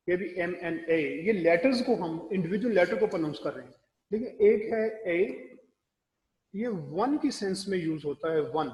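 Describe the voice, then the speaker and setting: A man teaching English pronunciation in a recorded classroom lecture, explaining slowly and spelling words out letter by letter. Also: high voice, a little mellow, reverberant, big-room sound, low-quality recording.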